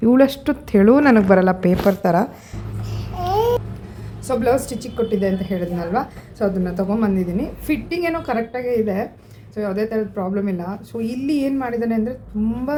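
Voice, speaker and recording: Fast-talking woman vlogger. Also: mid-range voice, mellow, slight background noise. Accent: Kannada. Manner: chatty, mixes English words into her talk. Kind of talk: casual family vlog and recipe talk.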